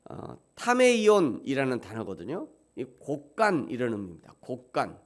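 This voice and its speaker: A male pastor giving an animated, conversational sermon and asking the congregation questions. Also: mid-range voice.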